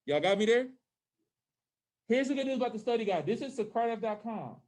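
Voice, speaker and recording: Very high-pitched yet darkish in tone, the man's voice moves fairly quickly with lively intonation. He's a high school social studies teacher addressing both in-person and online students through a face mask, which muffles him slightly, and he keeps it casual while often confirming everyone is with him.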